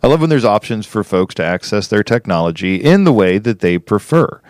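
A man's voice: on the low side, very animated, fairly quick, darkish tone, no echo, clean studio sound. A man hosting an interview podcast, talking with enthusiasm and often repeating words as he restarts. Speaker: podcast host.

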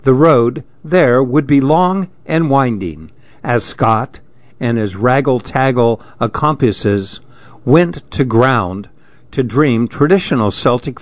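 A man's voice: mid-range voice, no echo. A man hosting a radio reading program, reading magazine articles aloud. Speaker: radio reading-service host. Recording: dull, lo-fi radio recording.

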